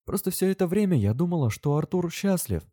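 A man voicing an emotional, tearful elderly woman in a read-aloud story, pitched well above his own voice and drawn out. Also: big pitch swings, a little fast, mellow, no echo, studio quality.

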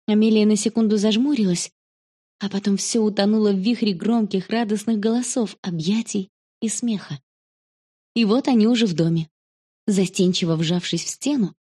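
A woman narrating a children's story in a calm, even storytelling manner. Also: medium pitch, slightly rough.

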